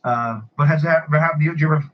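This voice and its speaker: A man's voice: a little high, racing. A man telling rambling stories in casual chat, repeating his words and laughing at his own tales. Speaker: podcast regular. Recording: muffled lo-fi with faint hiss.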